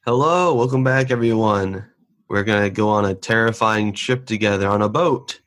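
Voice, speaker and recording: A man's voice: on the low side, normal speed, a bit bright. A young man co-hosting a podcast, explaining a game's premise in an easygoing way with some restarts. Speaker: podcast co-host. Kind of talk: casual game review chat.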